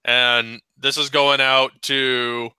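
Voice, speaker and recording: A man with a very bright, crisp voice co-hosting a talk show. He rants with swearing and stumbles over repeated words. The sound is dry and close. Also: medium pitch, level tone, slow, no echo. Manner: ranting, stammers, swearing. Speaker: podcast co-host. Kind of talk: casual profane banter.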